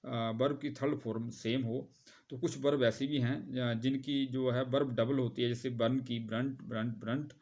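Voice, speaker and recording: A male teacher giving a grammar lesson to students, speaking directly to them, spelling out word forms slowly and pausing often with hesitations. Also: medium pitch, steady tone, a little mellow.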